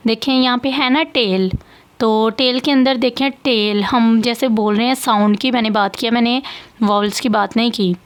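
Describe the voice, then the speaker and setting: A woman's voice: a little high, fairly even intonation, normal speed, clean tone. A woman teaching English grammar to students, explaining patiently and repeating key points. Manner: patient, repeats points, checks in with "theek hai". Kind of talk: slow classroom explanation of grammar.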